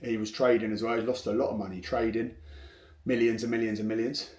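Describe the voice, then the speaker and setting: A man's voice: on the low side, little pitch movement, fast talker, darkish tone, echoey room. A man who runs a construction business, telling a frank, rambling story to camera with many restarts.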